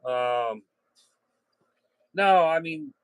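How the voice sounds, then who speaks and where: This amateur radio hobbyist, who also hosts a channel, talks in a slightly high, expressive voice at a very slow pace. His casual, rambling chat is plain and salty, drifting off and looping back. The audio is smooth with no room sound.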